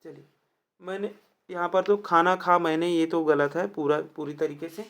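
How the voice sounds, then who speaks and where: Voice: medium pitch, normal speed, darkish tone. Teacher firing off rhetorical check-in questions. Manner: keeps asking rhetorical check questions and repeating answers. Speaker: exam-prep teacher. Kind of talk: explaining test questions to students.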